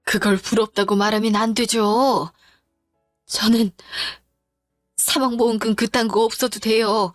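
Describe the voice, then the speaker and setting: A woman's voice: a little high, fairly even intonation, a little slow, no room sound, studio quality, soft background music, close to an everyday voice. A woman voicing a grieving middle-aged widow who speaks in a pleading yet firm way in a dramatized story. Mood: distressed.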